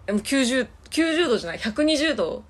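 A woman's voice: high voice, big pitch swings, brisk. A woman, co-hosting a casual chat and telling a long story, acting out what people said. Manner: rambling storyteller, acts out quotes. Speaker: podcast co-host.

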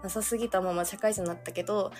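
A woman's voice: mid-range voice, fairly even intonation, very fast, a little mellow, soft background music. A young woman in her twenties, a podcast guest telling a rambling, giggly story full of fillers. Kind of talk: casual chat.

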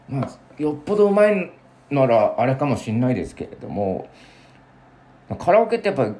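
A young man in his twenties chatting alone in a casual, rambling way, with many fillers and sudden lively bursts. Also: mid-range voice. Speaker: podcast host. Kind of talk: casual solo chat.

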